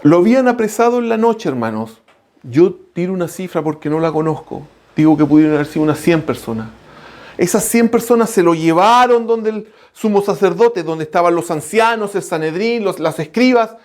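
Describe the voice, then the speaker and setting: A male preacher, delivering an impassioned sermon that swings from loud cries to hushed lines and calls the listeners brothers. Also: expressive, normal speed. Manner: impassioned, shifting between loud outbursts and low hushed lines; addresses the congregation as brothers.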